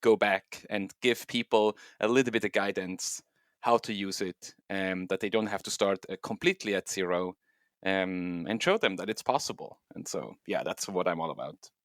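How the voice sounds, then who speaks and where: A man's voice: low-pitched, normal speed, fairly bright tone, no room sound, studio quality. A middle-aged man from Switzerland, talking casually as an interview guest, thoughtful and loose with many fillers. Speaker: guest, software engineer and home miner.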